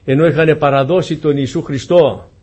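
A man's voice: a little high, steady tone, darkish tone, breathy edge. A man preaching a sermon to his congregation, earnest and pleading, often asking them questions.

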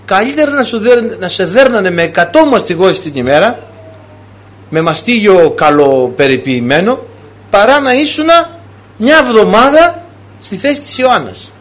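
High-voiced man preaching with animated questions. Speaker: priest. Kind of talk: sermon.

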